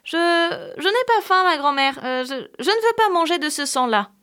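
A woman voicing a timid, obedient little peasant girl in a spoken folk tale, asking questions in a high childlike voice. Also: animated, normal speed, bright, forceful tone. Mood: innocent, questioning.

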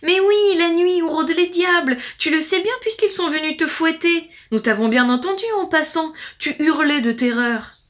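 A woman voicing a talkative, credulous peasant wife in a storybook reading, high and excited. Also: moderate pace, hardly any pauses. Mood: eager, chatty.

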